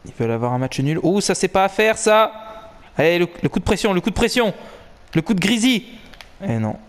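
A young man giving excited, swearing live commentary while playing a football video game. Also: sits high, fairly quick. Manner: animated, swearing, cheering and groaning at the match. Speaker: gaming commentator.

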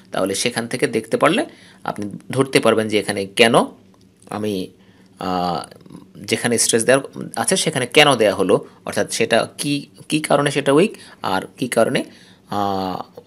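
With a lowish, somewhat bright voice, a male English teacher from Bangladesh works through a recorded phonetics lesson, reading the rules of English aloud, repeating the key terms and explaining at a slow pace.

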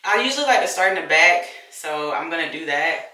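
A woman's voice: low-pitched, animated, fairly quick, pushed and bright, far from the mic. A young woman vlogger, chatting in a laid-back way about her hair care routine at home. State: congested. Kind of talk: casual hair-care vlog chat. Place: home bathroom. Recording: echoey bathroom.

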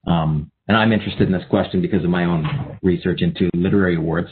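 A man moderating a talk, reading audience questions aloud in a measured way. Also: low-pitched, steady tone, phone-quality sound, a little hiss or hum. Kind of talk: interview questions.

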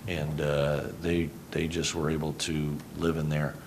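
A middle-aged man from Houston, a head basketball coach, answering reporters after a game in a rambling, self-correcting, low-key way, speaking into a table mic in a press conference room. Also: little pitch movement, a little slow, vocal fry, darkish tone, a little hiss or hum. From Houston, Texas. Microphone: table mic on a stand.

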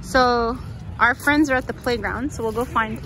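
A woman's voice: on the high side, normal speed, rough recording. A woman chatting casually outdoors for a family vlog, talking with children as she films. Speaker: family vlogger, mother. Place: outdoors, in tuk-tuk and park. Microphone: handheld phone camera. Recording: loud traffic and outdoor noise.

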